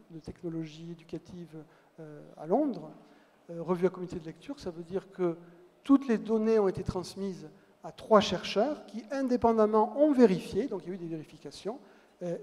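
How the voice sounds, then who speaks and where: A man's voice: sits high, warm tone. A man giving a public lecture, telling stories and dropping wry asides. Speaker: conference speaker. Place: large lecture hall. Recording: long hall reverb.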